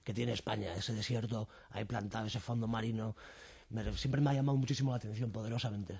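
A man from Spain with a husky, late-night voice, talking in a hesitant, wry way as a guest in a casual radio interview. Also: lowish voice, steady tone, fast, a little mellow. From Bilbao, Spain. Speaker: novelist, studio guest.

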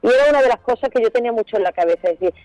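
A middle-aged woman from Seville with an Andalusian accent, an actress chatting as a guest in a lively, colloquial way, laughing often. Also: on the high side, rapid-fire, dry recording, low-quality recording. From Seville, Spain. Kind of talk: casual chat.

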